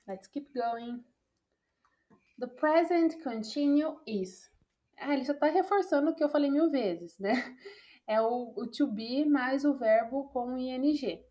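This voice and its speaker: A fairly high-pitched, mellow female voice comes through a computer microphone on a video call. The speaker, who has a Brazilian Portuguese accent, is teaching English online and explaining patiently.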